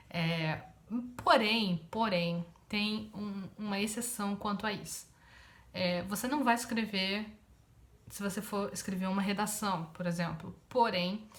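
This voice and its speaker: A woman from Rio de Janeiro with a Carioca Brazilian Portuguese accent, explaining a language point in a casual lesson, pausing often with fillers. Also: medium pitch, fairly bright tone. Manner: hesitant, many filler pauses. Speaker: Japanese teacher.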